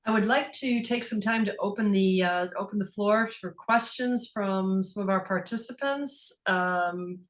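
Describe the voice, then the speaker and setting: A woman's voice: medium pitch, a little slow, hardly any pauses. A woman moderating a panel discussion over a video call, friendly and organized.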